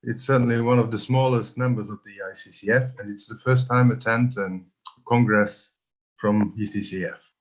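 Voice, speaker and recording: A man's voice: fairly low pitch, steady tone, moderate pace, low-quality recording. A man from Luxembourg giving a short, plain, friendly introduction. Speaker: national chess representative.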